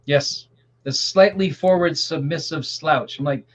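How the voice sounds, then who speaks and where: A man's voice: fairly high pitch, measured pace. A man from Canada co-hosting a casual political podcast, telling jokes and rambling stories. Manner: animated, joking storyteller. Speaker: podcast co-host. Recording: dull lo-fi sound with faint noise.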